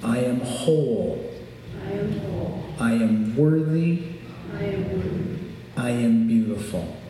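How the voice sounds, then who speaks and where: A man preaching in a large sanctuary, calmly leading a grounding exercise in a measured, reflective way. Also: mid-range voice, recorded from a distance, a crowd in the background. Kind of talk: sermon with a calm, guided grounding exercise. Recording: very echoey large hall, faint noise.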